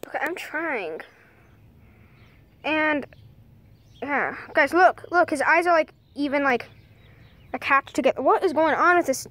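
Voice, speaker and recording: Holding her phone camera in a backyard while birds faintly chirp, a young woman records a casual nature vlog. She rambles hesitantly, dropping plenty of "like" and "I mean." Her fairly bright, high voice is animated yet unhurried, with frequent pauses.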